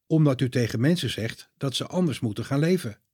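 Man doing andrew, earnest plain disciple, storybook, husky. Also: mid-range voice, animated, brisk, a little mellow, dry recording, studio quality.

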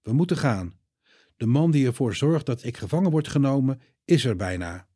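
A man reading Jesus, gentle and firm. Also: mid-range voice, lively intonation, husky. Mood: stern. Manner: measured, gentle, sometimes stern. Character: adult male Jesus, calm, gentle yet firm.

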